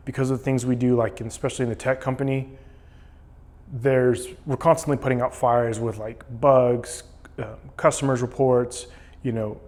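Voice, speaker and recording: A man's voice: medium pitch, a little mellow. A man talking casually and explaining things in a vlog monologue while sitting in ice cold water. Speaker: vlogger documenting a cold plunge challenge.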